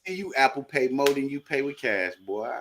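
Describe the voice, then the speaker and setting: Brief: young male co-host, lively and joking, bouncy pitch, chatter behind him. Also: fast talker. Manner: joking, animated. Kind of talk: casual chat.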